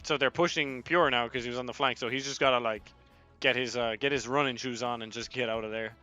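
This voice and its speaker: A man's voice: medium pitch, steady tone, fast, bright, forceful tone, clean tone, lo-fi sound. A young man, a team coach, talking casually through match footage on a livestream, chatting with viewers and swearing now and then. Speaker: esports head coach reviewing match footage. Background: faint music playing.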